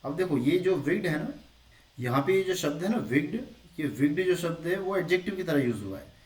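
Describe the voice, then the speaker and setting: Guy teaching english grammar, slow and repetitive, asks questions constantly, kinda echoey and a bit far from the mic. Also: on the high side, lively intonation. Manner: explains slowly, repeats phrases and keeps asking rhetorical questions. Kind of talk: classroom-style grammar lesson.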